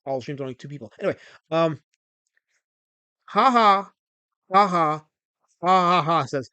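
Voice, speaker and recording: Excitable high-voiced man in his forties. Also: no echo. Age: 40s. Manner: excitable, rambling, reads chat messages aloud. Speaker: livestream host. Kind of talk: casual livestream chat.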